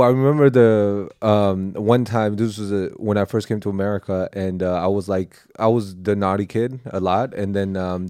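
A man's voice: lowish voice, a little mellow, dry recording, clean studio sound. A man chatting on a comedy podcast, hesitant and full of restarts as he tells stories. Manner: hesitant, many fillers and restarts. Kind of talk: casual comedic chat.

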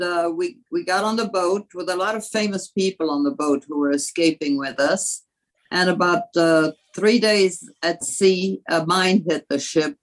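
A woman in her eighties from France, recounting family history as a guest in a measured way with frequent hesitant pauses. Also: lowish voice, poor audio. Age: 80s. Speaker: guest, grandmother.

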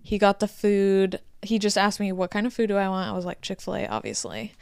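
A heavily pregnant woman in her late twenties, co-hosting a podcast in casual, rambling chat and quoting herself in lively asides. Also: mid-range voice, fairly quick, gravelly, smooth, dry recording, studio quality. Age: 20s. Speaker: podcast co-host.

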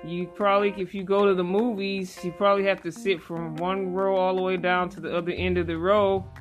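This host is a woman with a fairly low voice, a level tone, and a fairly quick delivery. She runs a casual conversational interview in a folksy, earnest way, her words slightly muffled by a face mask, with guitar music in the background.

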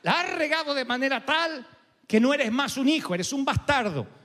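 A man voicing the devil as a scornful male accuser in a sermon, speaking low and accusing. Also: moderate pace, sharp tone. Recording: long hall reverb.

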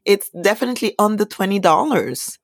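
A woman co-hosting a podcast, relaxed and laughing often. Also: mid-range voice, a little fast, creaky, no room sound, studio quality. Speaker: podcast co-host. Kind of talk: casual chat.

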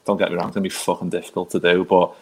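A low-pitched male podcast host with a Liverpool accent chats about football. He is blokey and informal, throwing in slang and swearing as he talks to his mates. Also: little pitch movement, racing, husky. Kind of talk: casual football chat.

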